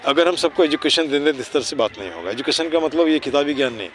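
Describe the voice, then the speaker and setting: A man's voice: fairly high pitch, animated, fast talker, fairly bright tone, a little hiss or hum. Man teaching kids outdoors, full of tag questions. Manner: checks understanding with constant tag questions; mixes English words and phrases into Hindi. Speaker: neighbourhood cleanliness volunteer teaching children. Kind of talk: casual outdoor teaching chat. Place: outdoors near a city park.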